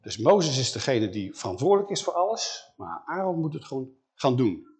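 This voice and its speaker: A man's voice: medium pitch, very animated, normal speed. A man retelling a Bible story in a conversational way, with frequent questions to the listener.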